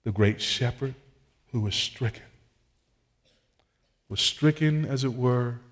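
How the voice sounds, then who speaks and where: Earnest male pastor preaching. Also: takes it slowly. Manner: earnest preaching, swells loud when reading scripture, drops soft and low for appeals. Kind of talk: sermon.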